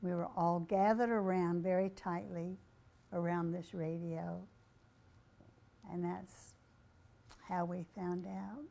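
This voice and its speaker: A woman's voice: on the low side, little pitch movement, slow pace, creaky, pauses often, dark tone. An older woman giving an earnest, reflective oral history of wartime home life.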